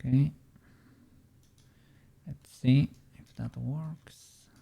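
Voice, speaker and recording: A 3D modeling streamer chatting casually on a livestream and muttering quietly to themself while working. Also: mid-range voice, steady tone, drawn-out words, gravelly, breathy edge.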